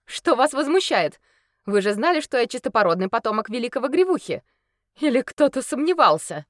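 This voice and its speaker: A woman's voice: on the high side, big pitch swings, brisk, no echo, studio quality, pitched above the performer's own voice. A woman voicing a proud female werewolf noblewoman with a ringing, melodious voice. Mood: haughty. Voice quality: ringing, melodious, snarling when angry.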